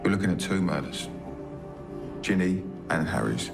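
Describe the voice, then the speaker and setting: A firm detective with a lowish voice speaks in measured, steady terms. Clear music runs under the scene. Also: male voice. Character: firm male police detective in interrogation.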